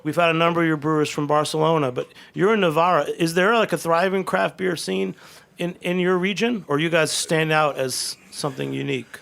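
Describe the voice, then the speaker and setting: A man hosting a casual radio chat, talking quickly and eagerly. His voice has a gravelly edge and sits a little high for a man. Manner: fast, excitable, chatty. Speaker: radio show host.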